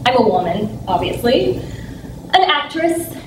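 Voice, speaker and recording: A sassy, effusive woman from San Francisco performs her solo stage show in a comic way. Her voice sits high and carries from a distance in an echoey theater. The recording is noisy. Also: big pitch swings, unhurried. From San Francisco, United States. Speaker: actress. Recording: echoey room from far off, noisy.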